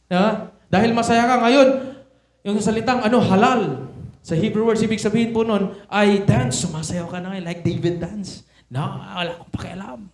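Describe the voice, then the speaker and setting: A man's voice: high voice, normal speed. A man preaching a sermon in Tagalog mixed with English, often asking the congregation rhetorical questions. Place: church sanctuary. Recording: echoey church hall.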